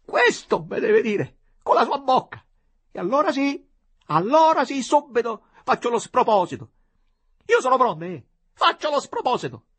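A man voicing a frantic, tearful noblewoman who breaks into shrill outbursts. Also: moderate pace, gravelly, slightly rough.

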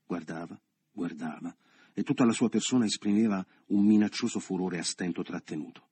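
A man narrating a literary novel as an audiobook in a measured, subdued reading style. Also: deep voice, warm tone, slightly rough, no room sound.

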